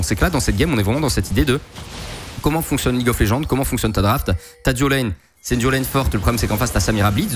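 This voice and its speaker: Dude analyzing a game replay super fast, lots of gamer slang, music playing under him. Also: male voice, medium pitch. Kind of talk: esports replay commentary. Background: background music.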